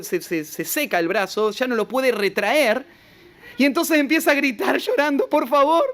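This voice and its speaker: Argentine pastor retelling a Bible story. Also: male voice, very high voice, smooth. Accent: Rioplatense Argentine Spanish. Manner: storytelling preacher, retells scripture with rhetorical asides; stammers and repeats short words. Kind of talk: expository Bible sermon.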